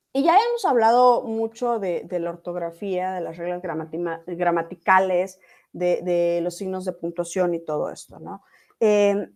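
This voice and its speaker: A woman's voice: medium pitch, a little mellow. A woman teacher, explaining a lesson step by step to an online class and often checking in with her students.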